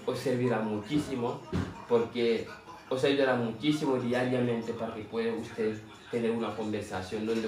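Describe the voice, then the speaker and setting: A man whose first language is Fula, teaching a language lesson slowly and checking in with "¿vale?" after nearly every point. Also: medium pitch. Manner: slow, repeats words and asks "¿vale?" often. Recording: very echoey room, mic at a distance, music behind. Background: background music.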